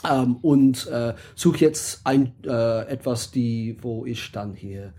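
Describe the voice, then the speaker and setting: Englischer typ, stockt viel, sucht wörter, dunkler warmer klang. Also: male voice, mid-range voice, fairly even intonation, slow pace. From England. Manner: hesitant, many fillers, searching for German words. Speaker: guest. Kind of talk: casual interview.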